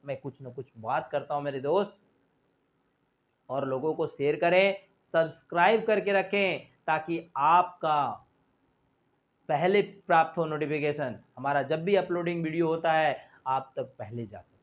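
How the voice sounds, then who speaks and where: Man teaching English, tinny audio. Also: fairly high pitch. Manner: repeats words and sounds slowly to drill pronunciation. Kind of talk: classroom-style grammar lesson.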